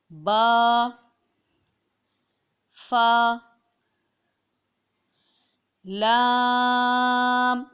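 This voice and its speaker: A woman teaching Quran pronunciation to children's teachers, drawing out each letter slowly for listeners to copy. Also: mid-range voice, dull audio. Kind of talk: slow instructional pronunciation lesson.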